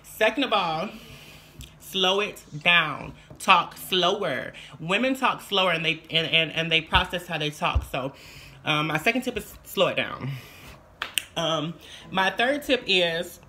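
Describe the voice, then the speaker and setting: A woman's voice: fairly low pitch, animated, moderate pace, bright, forceful tone, a little hiss or hum. A young adult woman vlogger giving casual tips, chatty and repeating phrases for emphasis. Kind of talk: casual tutorial chat.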